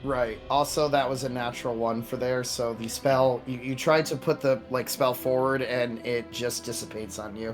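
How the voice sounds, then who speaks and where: A man narrating a tabletop game as game master, improvising haltingly and often repeating words. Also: medium pitch, steady tone. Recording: background music under voice.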